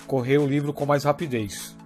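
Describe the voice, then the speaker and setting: A man's voice: mid-range voice, fairly even intonation, normal speed, soft background music. A Brazilian man demonstrating a phone app step by step, in a casual way with frequent "tá?" and "né?" check-ins. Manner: explains step by step, often checking in with "tá?" and "né?". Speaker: app tutorial presenter.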